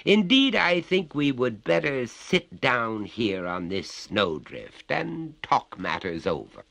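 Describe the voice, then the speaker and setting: A man playing a young gentleman, master of a manor, speaking formally with courteous, cool firmness. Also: a little high, big pitch swings, unhurried, pitched above the performer's own voice, exaggerated voice. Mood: firm, polite.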